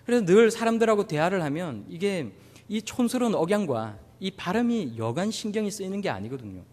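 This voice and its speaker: Busan pastor with a lively voice. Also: male voice, high voice, brisk, big-room sound. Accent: Gyeongsang Korean. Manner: humorous, anecdotal storytelling. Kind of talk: sermon.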